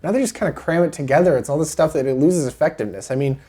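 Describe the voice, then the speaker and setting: A co-host with a mid-pitched, dark and mellow tone talks through a film in relaxed podcast chat. The speech is thoughtful and comes in long run-on stretches, full of small restarts as ideas form. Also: racing. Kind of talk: casual film-review chat.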